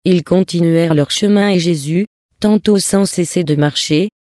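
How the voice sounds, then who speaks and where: A reader gives a steady, even scripted narration of a religious text. The tone is mellow and warm, and the recording is dry, with no room sound. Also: mid-range voice, moderate pace, no room sound. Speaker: audiobook reader.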